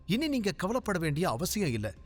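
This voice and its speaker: A man voicing a kind, determined young male hero who speaks gently in a storybook audio series. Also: high-pitched, sing-song, moderate pace, in a large hall, soft background music. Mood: gentle.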